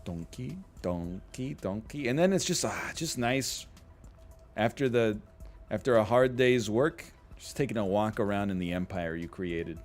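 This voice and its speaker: A Canadian gaming streamer casually comments on the management game he's playing, goofy and rambling with playful exclamations. His voice is fairly low at normal speed, with faint music behind.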